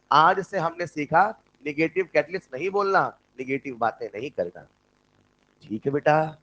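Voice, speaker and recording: Man, Indian accent, chemistry teacher, high voice, slow dictation, playful asides, muffled lo-fi sound. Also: a bit bright. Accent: Indian English mixed into Hindi. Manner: dictates notes slowly, then chats playfully with students. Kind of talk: online class lecture.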